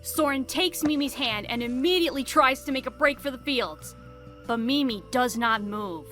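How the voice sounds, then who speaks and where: With a slightly bright voice that sits high and a moderate pace, a woman narrates a spooky fantasy audio drama as a scripted, dramatic storyteller. Music plays behind her.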